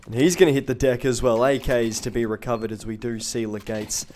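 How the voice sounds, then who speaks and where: Guy doing esports play-by-play, mid pitch voice, faint gunfire and clicks behind. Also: fairly even intonation, a little fast, a little mellow, a little hiss or hum. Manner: jokey, banters with a co-caster off mic. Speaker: esports caster.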